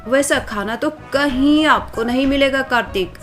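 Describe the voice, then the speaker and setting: A woman playing a spoiled snobbish rich girl. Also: high voice. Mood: snooty. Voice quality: boastful, dismissive, drawn-out complaining. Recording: faint background music.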